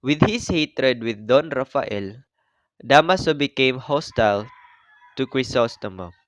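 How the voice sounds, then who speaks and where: A young man with a Filipino accent reads out a class presentation in a measured, formal way. His voice sits mid-range for a man. The sound is dry and close. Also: medium pitch, lively intonation, fairly bright tone, no room sound. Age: young adult. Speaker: student presenter.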